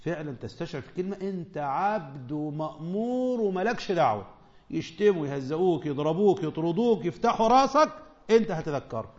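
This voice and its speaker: An Egyptian man gives a religious lesson in a fairly high voice that rises and falls a lot. He keeps questioning his listeners and hammers home points with quick repeated phrases. The recording sounds dull and lo-fi. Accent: Egyptian Arabic. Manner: animated, asks the audience questions, repeats short phrases for emphasis. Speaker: sheikh teaching a tafsir lesson.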